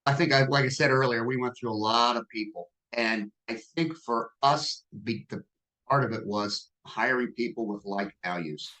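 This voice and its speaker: A man in his sixties, a business owner speaking as a podcast guest in a relaxed, self-deprecating conversational way. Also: mid-range voice, moderate pace, low-quality recording. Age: 60s. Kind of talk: podcast interview.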